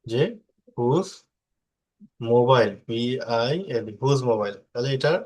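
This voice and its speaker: A man leads an online English lesson with a patient, unhurried delivery, saying each word again and again so students can drill it. His voice sits at an ordinary middle pitch. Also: darkish tone. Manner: patient, repeats words slowly for drilling. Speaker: English tutor. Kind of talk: online class teaching.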